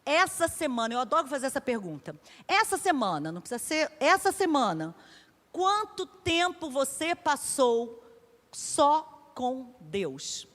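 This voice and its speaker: Brazilian woman pastor, high-pitched, preaches in a chatty storytelling way, long reverb. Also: very animated, a little slow, fairly bright tone. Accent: Brazilian Portuguese. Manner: conversational storytelling, acting out dialogue. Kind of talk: sermon.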